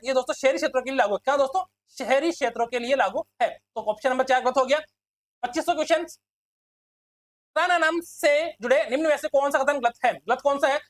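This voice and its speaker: A male teacher running a quick exam quiz lesson, repeating himself and constantly calling his listeners friends. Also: very high-pitched, no room sound. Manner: fast, repetitive, keeps addressing listeners as friends.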